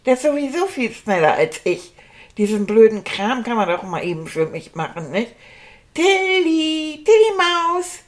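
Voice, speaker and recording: A woman's voice: medium pitch, a little mellow, close to an everyday voice. A woman voicing a lazy, bossy schoolboy who acts like a king, whining and demanding in a children's puppet comedy. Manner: whiny, demanding, sulky.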